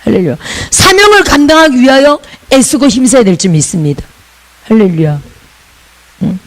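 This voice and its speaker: A woman's voice: on the high side, big pitch swings, fairly quick, rough recording. A woman pastor from Busan, preaching a sermon in a chatty way with laughing asides and call-and-repeat lines.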